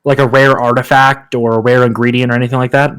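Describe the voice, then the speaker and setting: A man's voice: mid-range voice, little pitch movement, quick pace, fairly bright tone, clean tone. A man playing a tabletop game, talking casually and hesitantly as he plans his moves. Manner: hesitant, lots of ums and restarts. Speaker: player.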